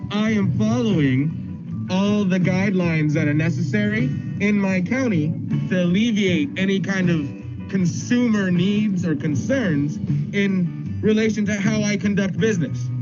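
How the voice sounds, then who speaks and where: High-pitched man talking through a face mask. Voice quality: slightly muffled, speaking through a face mask. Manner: deliberate, emphatic diction. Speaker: field marketing specialist presenting a home tour tutorial. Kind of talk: instructional video presentation. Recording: dull muffled sound under loud music.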